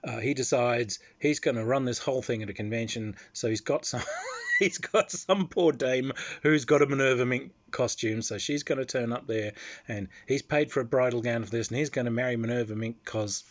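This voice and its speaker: A man with an Australian accent telling casual convention anecdotes in an animated, loose storytelling manner. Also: medium pitch, normal speed, highs cut off.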